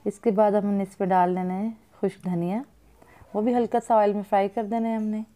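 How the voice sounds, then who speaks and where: A woman's voice: mid-range voice, level tone, brisk, warm tone. A young woman with a Pakistani Urdu accent narrating a recipe for her cooking vlog in a chatty way, speaking to viewers as friends.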